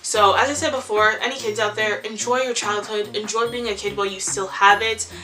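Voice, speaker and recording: A woman's voice: mid-range voice, steady tone, fairly quick, bright, forceful tone. A seventeen-year-old girl vlogging to camera in casual chat, rambling and saying "like" a lot. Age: teens. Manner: chatty, rambling, lots of "like" and "ew". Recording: music playing under the voice.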